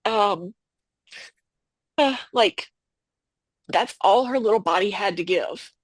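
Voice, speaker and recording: A woman guest on a podcast, speaking about a personal loss in a halting way, full of fillers and restarts. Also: medium pitch, no echo. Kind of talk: emotional personal conversation.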